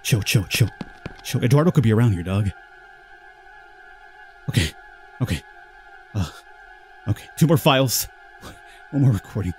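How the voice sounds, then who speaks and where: Male gaming host, chatty horror playthrough commentary, lively intonation, light music underneath. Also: fairly low pitch, normal speed, pauses often. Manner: chatty, rambling, talking to viewers. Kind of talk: casual horror game commentary.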